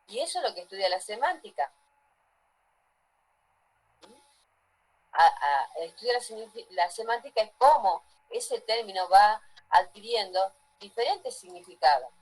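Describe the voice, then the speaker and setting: A woman's voice: mid-range voice, darkish tone, poor audio. A woman teaching a class, lecturing and often asking the students if they follow. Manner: asks the class frequent check-in questions.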